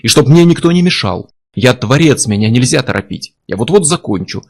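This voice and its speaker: A man voicing a frazzled, defensive male writer under deadline pressure, talking in a raised, strained voice that is quick to snap. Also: mid-range voice, lively intonation, vocal fry, breathy edge. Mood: defiant.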